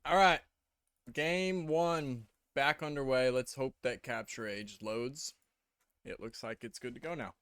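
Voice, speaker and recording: A man giving casual live-stream commentary on a strategy game, relaxed and thinking aloud as he goes. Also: mid-range voice, a little slow, clean tone, dry recording. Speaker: game caster.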